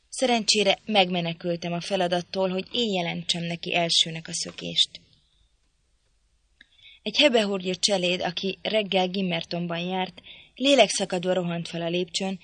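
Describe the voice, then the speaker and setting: A woman reads a novel aloud in a measured, steady storytelling manner. Her voice sits low with a gravelly grain. The recording is close and dry. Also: no room sound. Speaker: audiobook reader. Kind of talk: novel audiobook reading.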